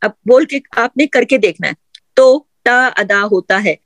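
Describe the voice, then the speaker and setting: A woman's voice: fairly high pitch, dry recording. A woman teaching Quran pronunciation, patiently drilling letter sounds and often checking that her learners follow. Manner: repeats sounds for drilling, asks "theek hai?" often; gently encouraging, addresses female learners. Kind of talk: patient tajweed lesson on letter articulation.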